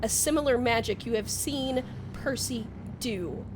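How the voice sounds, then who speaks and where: A woman's voice: on the high side, unhurried, background noise. A young woman running a tabletop role-playing game as game master, narrating dramatically and laughing often.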